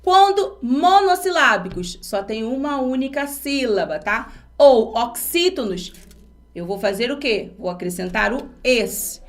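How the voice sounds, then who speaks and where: A woman's voice: a little high, expressive, a little slow. A woman from Brazil teaching an exam-prep grammar lesson, explaining step by step and asking her students rhetorical questions.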